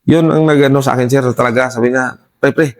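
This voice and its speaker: A Filipino-accented man tells a war story, his speech halting and full of restarts. He speaks in a mid-range voice, deferring to his interviewer with near-constant politeness. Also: mid-range voice, fairly even intonation. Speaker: soldier telling his combat story.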